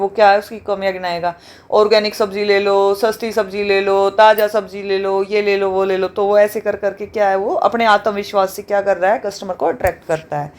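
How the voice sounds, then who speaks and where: A woman teaching an exam revision lesson, explaining points with everyday examples and often checking in with a quick question. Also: mid-range voice, darkish tone. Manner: explains with everyday examples, keeps asking "theek hai?".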